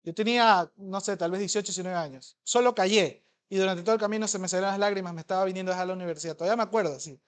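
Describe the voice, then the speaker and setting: A man's voice: sits high, smooth. Emphatic, conversational male preacher. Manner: emphatic, swings loud and soft, rhetorical questions to the congregation; conversational, fast at times. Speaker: pastor. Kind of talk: sermon.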